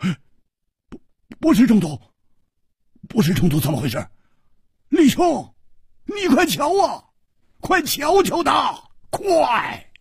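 A husky-voiced man in traditional storytelling, voicing a hot-tempered male swordsman frantic with worry, pushing his voice high and loud. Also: huge pitch swings, a little slow, dry recording, clean studio sound, full character voice. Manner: shouting, high and urgent.

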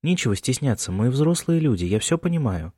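A man's voice: medium pitch, very animated, a little fast, dark tone, husky, dry recording, clean studio sound, pitched above the performer's own voice. A male narrator voicing a worried middle-aged mother who keeps fussing over her son in an audiobook. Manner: anxious, insistent and fussing.

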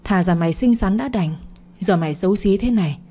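A woman's voice: fairly quick, warm tone, breathy edge, lightly acted. A woman doing a furious scolding old aunt. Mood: raging. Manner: shrill, abusive scolding. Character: harsh, bitter older aunt, scolding.

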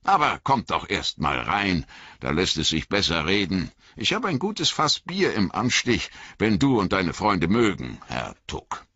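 A man voicing a gruff, hearty male hobbit farmer in an audiobook, speaking in a booming, blustery, rustic way. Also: wildly swooping pitch, measured pace, sharp tone, dry recording, dull audio, heavily acted.

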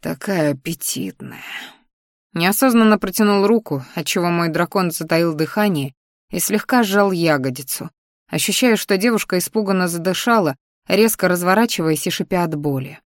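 A woman narrating a first-person novel in a steady, intimate storytelling manner. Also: lowish voice, brisk, no room sound, clean studio sound. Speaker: audiobook narrator.

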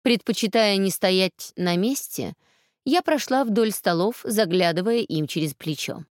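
Calm woman narrating an audiobook. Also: medium pitch, unhurried, no echo, clean studio sound. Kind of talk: first-person scripted narration.

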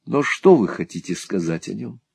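A man voicing a kind young teacher in an audiobook, speaking softly and gently. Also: fairly low pitch, very animated, moderate pace, vocal fry, slightly rough, no room sound, clean studio sound, full character voice. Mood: gentle. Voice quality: soft, gentle.

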